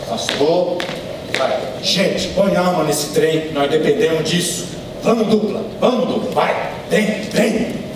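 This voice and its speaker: A man's voice: on the high side, takes it slowly. A male actor playing an eager, pushy rural father with a Brazilian accent, coaxing urgently in a stage musical. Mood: urgent urging. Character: eager, pushy rural father coaching his young singing sons. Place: large indoor theatre stage. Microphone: distant audience camera. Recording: echoey theatre, distant mic, noisy.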